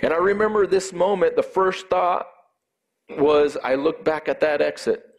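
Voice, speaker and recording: Earnest man sharing a faith testimony. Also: fairly high pitch. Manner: earnest and emotional, halting with repeated words. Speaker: person giving a testimony.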